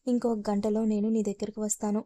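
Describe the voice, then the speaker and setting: A woman's voice: medium pitch, little pitch movement, fairly quick, dark tone, dry recording, natural voice. A woman voicing a pushy, insistent young man in a storybook reading, in a coaxing, pressing way.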